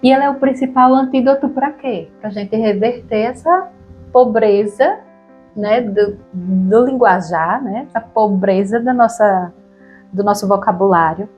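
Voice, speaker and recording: A woman with a Brazilian Portuguese accent co-hosting a relaxed conversation about reading aloud to children, often tagging her sentences with questions. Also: mid-range voice, unhurried, breathy edge, highs cut off, faint music behind. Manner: relaxed, chatty, frequent tag questions. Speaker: podcast co-host.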